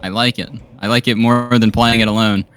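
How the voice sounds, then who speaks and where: A man's voice: fairly low pitch, little pitch movement, a little fast. A young man in casual chat as he plays a co-op game with a friend. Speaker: co-op gaming partner. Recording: voice chat over noisy game gunfire.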